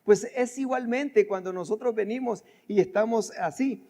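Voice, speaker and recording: A man's voice: sits high, normal speed, darkish tone, long reverb tail. An older man preaching a sermon, talking to the congregation directly and often repeating his phrases. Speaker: pastor. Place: church sanctuary.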